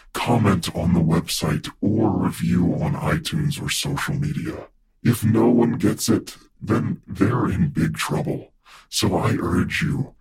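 An actor playing a spooky disembodied male captor voice who speaks in a slow, measured, ominous way. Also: low voice, vocal fry, a little hiss or hum, heavily acted. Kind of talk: audio drama acting.

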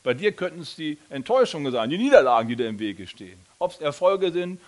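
Lively German preacher man telling stories. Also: on the high side, fast talker. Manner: lively storytelling, addresses congregation directly, acts out quoted voices. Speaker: pastor. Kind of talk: sermon.

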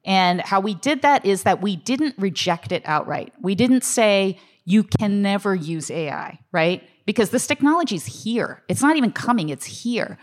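A woman's voice: mid-range voice, animated, normal speed, few pauses. A woman speaking as a writers' union representative, explaining contract points off the cuff in an emphatic, colloquial way, often checking in with the listener. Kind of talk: unscripted explanatory talk on contracts.

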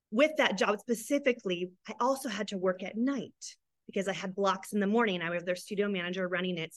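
Medium-pitched and recorded without echo, this Arizona woman in her thirties or forties guests on a relaxed podcast interview. As a coach for mom entrepreneurs, she recounts building her own business as a mom with heartfelt enthusiasm, warm, upbeat, and tearful at moments.

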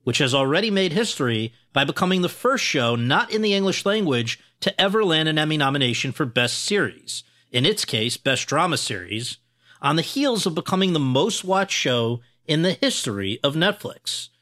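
Bright-voiced male podcast host. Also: on the high side, sing-song, moderate pace. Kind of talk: scripted intro then interviewing.

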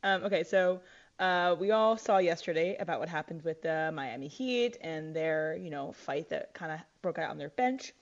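A woman's voice: sits low, normal speed. A woman on a sports radio show, calling in from her home kitchen on a thin, distant-sounding remote line, breezy and self-mocking. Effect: thin, distant remote-line voice she calls ethereal. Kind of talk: casual sports radio banter. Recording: dull lo-fi remote feed.

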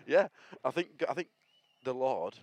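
A man from Bradford with a Bradford accent, co-hosting casual, jokey football banter in excitable, blunt northern slang. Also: mid-range voice, measured pace, gravelly, dry recording. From Bradford, England. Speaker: co-host of a football fan podcast. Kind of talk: casual banter and live match reaction.

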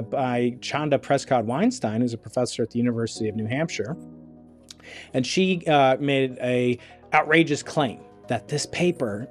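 A middle-aged man hosting a podcast interview, chatting loosely with lots of fillers and restarts. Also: mid-range voice. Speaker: podcast host. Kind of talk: casual interview chat.

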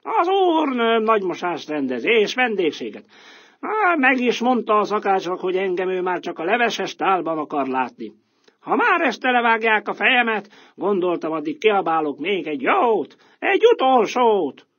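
A man voicing a loud, theatrical male rooster in a storybook, with a husky voice. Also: big pitch swings, heavily acted. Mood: dramatic. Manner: shrill and theatrical. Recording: dull lo-fi recording.

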